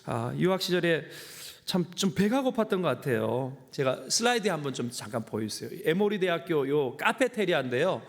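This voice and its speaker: Korean pastor preaching with lively pitch swings. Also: male voice, fairly quick, few pauses. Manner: storytelling with humor and emotional swings. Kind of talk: sermon. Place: church sanctuary. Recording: long hall reverb.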